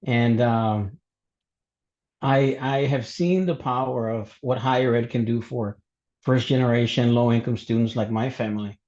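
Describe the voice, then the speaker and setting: A man from Mexico who grew up in Texas, introducing himself as a panelist in a webinar, pausing often with fillers and restarts. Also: medium pitch, a little mellow. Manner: halting, many fillers and restarts. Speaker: panelist, college instructor. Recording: dull lo-fi webinar audio.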